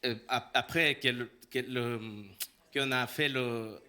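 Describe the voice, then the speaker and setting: A man's voice: medium pitch, fairly even intonation, takes it slowly, bright, forceful tone. A man from El Salvador, a preacher telling a personal story in a sermon, acting out the dialogue and laughing often.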